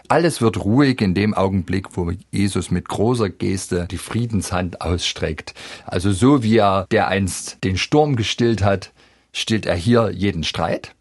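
A man explaining a Bach cantata on the radio in a measured, explanatory way. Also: fairly low pitch, breathy edge, no room sound, studio quality. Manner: measured, explanatory, quotes sung text in a lifted voice. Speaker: music expert guest.

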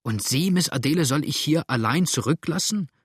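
A man's voice: fairly high pitch, lively intonation, moderate pace, slightly rough, no room sound, clean studio sound, pitched above the performer's own voice. A man voicing a bold young backwoods farmer who speaks firmly and plainly, in an audiobook reading. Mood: defiant.

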